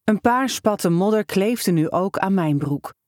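A storyteller giving a steady, measured first-person story reading, close to the mic. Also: medium pitch, no room sound.

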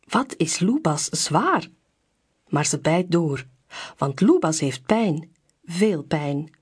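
A woman reading a children's picture book aloud in a slow, clear storybook delivery. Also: low voice, lively intonation.

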